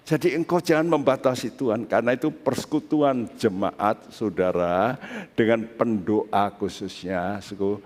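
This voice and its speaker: A man's voice: on the low side, darkish tone, long reverb tail. A man preaching a sermon as pastor, talking in a conversational way and speaking straight to his congregation. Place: church sanctuary.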